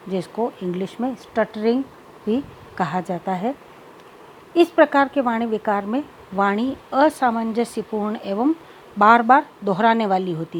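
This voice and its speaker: A woman lecturer explaining childhood speech disorders in a measured teaching manner, slipping English terms into her explanations. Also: mid-range voice, darkish tone, a little hiss or hum, rough recording. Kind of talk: recorded lecture.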